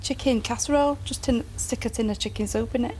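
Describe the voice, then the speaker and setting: A woman's voice: on the high side, quick pace, background noise. A woman giving a personal account in a plain-spoken, down-to-earth way. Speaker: phobia sufferer and guest.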